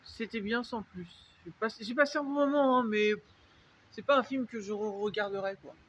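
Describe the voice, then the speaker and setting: A man from France with a French accent talks through a casual vlog, wandering from point to point with constant fillers. His voice sits high for a man. The audio is dull and lo-fi, with a faint hiss underneath. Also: moderate pace, a bit bright. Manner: rambling, full of fillers and restarts. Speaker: vlogger. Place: dark unlit spot, vehicle noise around.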